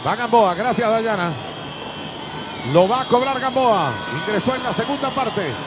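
High-voiced play-by-play caller. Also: male voice, noisy background. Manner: builds to long drawn-out goal shouts. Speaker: play-by-play commentator. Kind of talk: football penalty commentary. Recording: broadcast with crowd and music behind.

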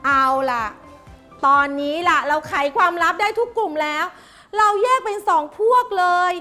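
A woman teaching a class of young pupils, coaxing answers out of them with quick, repeated questions. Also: extremely high pitch, lively intonation, pushed and bright, faint music behind. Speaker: primary school teacher.

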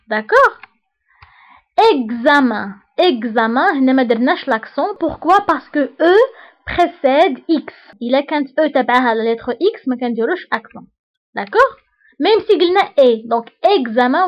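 A woman's voice: high voice, lo-fi sound. A woman with a Moroccan accent teaching a lesson, patiently repeating each example word and checking that learners follow. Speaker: French teacher. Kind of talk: online lesson explanation.

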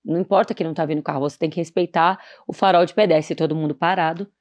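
A woman shares her thoughts in a relaxed podcast chat. Her voice is fairly low for a woman, and her delivery is soft and unhurried, full of small pauses and fillers. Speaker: podcast guest. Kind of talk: casual chat.

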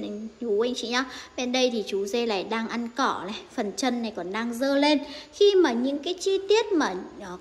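High-voiced saleswoman, echoey. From northern Vietnam. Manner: eager, persuasive, addresses viewers directly. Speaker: wood carving seller. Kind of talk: product showcase sales pitch. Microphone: handheld phone camera.

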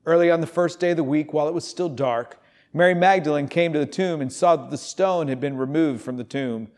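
A man in his fifties, a pastor, preaching and reading scripture in an animated storytelling way, in an empty church. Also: a little high, brisk. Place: empty church sanctuary, indoors.

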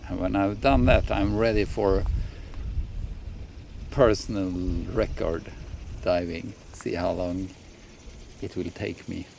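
A man's voice: low-pitched, fairly even intonation, slow pace, vocal fry, long pauses, noisy background. A middle-aged man from Sweden, Swedish-speaking, chatting casually in English on a sailboat deck, hesitant with many fillers. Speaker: sailing vlogger. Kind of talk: casual chat. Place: outdoors on a sailboat deck in an anchorage.

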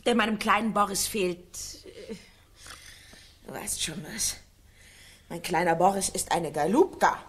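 A woman's voice: mid-range voice, moderate pace, few pauses, a little hiss or hum, natural voice. An actress playing Oksana, a fierce, mocking wife who grieves that she cannot have children, in a radio play. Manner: sharp, mocking, turning tearful.

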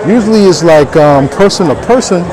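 A man's voice: sits high, animated, brisk. A man talking casually through a face mask in laid-back slang, hosting a walk-around vlog. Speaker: vlog host. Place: large busy indoor convention hall, walking. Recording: noisy, crowded convention floor. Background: crowd chatter and hall noise.

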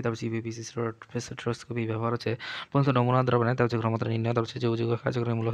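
A man teaching chemistry in a fast exam revision lecture, rattling through points one after another with the same connective phrase between items. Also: medium pitch, no room sound. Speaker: chemistry tutor.

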